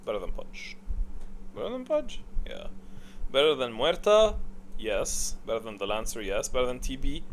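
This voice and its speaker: A gamer video creator offers casual, opinionated ranking commentary, thinking aloud informally. His medium-pitched voice swings widely at a normal speed, with a little hiss or hum on the recording.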